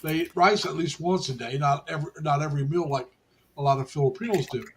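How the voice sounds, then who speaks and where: A man's voice: fairly high pitch, quick pace. A man in his sixties chatting casually on a livestream, rambling and often restarting his phrases. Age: 60s. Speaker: co-host.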